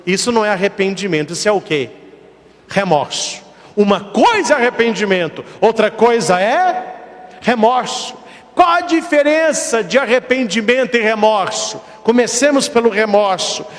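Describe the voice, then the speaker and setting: A priest preaches in a high, lively voice, firing rhetorical questions and repeating his points for emphasis. His pitch leaps around as he talks. A long reverb trails behind him. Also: moderate pace. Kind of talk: sermon.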